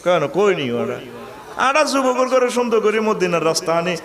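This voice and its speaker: A man preaching a sermon with a Comilla Bangla accent, joking and shouting, acting out voices. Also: high-pitched, big pitch swings, normal speed, reverberant. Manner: humorous, shouting, acts out women's voices. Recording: crowd audible behind.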